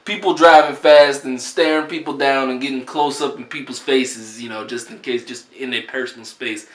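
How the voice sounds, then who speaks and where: A man's voice: medium pitch, steady tone, normal speed, echoey room. A man giving a casual, joking movie review in a laid-back, rambling way.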